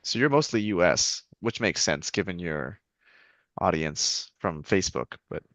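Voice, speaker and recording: A man's voice: low voice, expressive, unhurried, fairly bright tone, no room sound. A man chatting casually with a webinar host, curious and asking questions. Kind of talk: casual chat.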